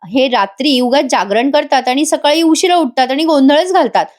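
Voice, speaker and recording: A woman's voice: high voice, normal speed, a little mellow, voice pushed up, lightly acted. A woman voicing a young wife who chides her forgetful husband in a bashful, scolding manner. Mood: chiding.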